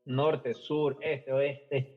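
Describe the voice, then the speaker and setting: This middle-aged man from Ecuador talks very slowly and flatly, his medium-pitched voice slightly rough and his Ecuadorian Spanish accent clear. As a podcast guest sharing casual stories, he hesitates a lot, repeating words and using many fillers. Faint music plays beneath the muffled, lo-fi sound.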